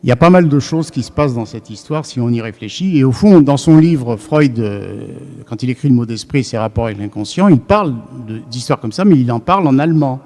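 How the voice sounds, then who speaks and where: A man's voice: medium pitch, expressive, a little fast, few pauses, dark tone. A man giving an academic lecture to a live audience, thinking aloud and often restarting his sentences. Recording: long reverb of a lecture hall.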